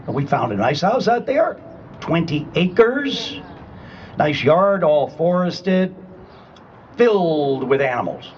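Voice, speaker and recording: Speaking at a public rally at a state capitol, a sixty-something retired Army man with a New England accent, from Rhode Island and Connecticut, sounds fairly high and sing-song, slow and darkish in tone. He's conversational and emphatic, checking in with "okay?" on a muffled recording with slight background noise.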